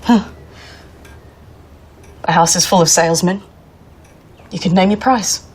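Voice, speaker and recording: A woman's voice: lowish voice, measured pace, slightly rough. An actress playing a chatty woman who runs a boarding house. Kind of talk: period TV drama acting.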